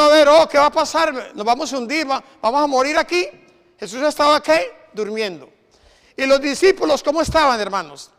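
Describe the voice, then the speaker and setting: A male preacher with a Latin American Spanish accent, giving a sermon and quizzing the congregation with questions, often halting and repeating words. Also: very high-pitched, vocal fry, fairly bright tone. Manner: call-and-response questions to the congregation. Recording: hall reverb.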